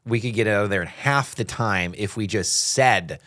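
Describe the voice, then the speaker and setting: A man's voice: on the low side, moderate pace, fairly bright tone. A man co-hosting a casual faith podcast, joking around and laughing often. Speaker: podcast co-host.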